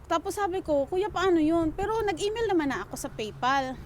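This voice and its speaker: Casual vlogger: high-pitched woman from the Philippines, chatty and direct with viewers, recorded on a phone outdoors over noisy rain and traffic. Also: expressive, fairly quick. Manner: chatty, addresses viewers as guys, mixes English into Filipino. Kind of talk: casual storytelling vlog. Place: outdoors in the rain, waiting for a train. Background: rain, wind and passing vehicles.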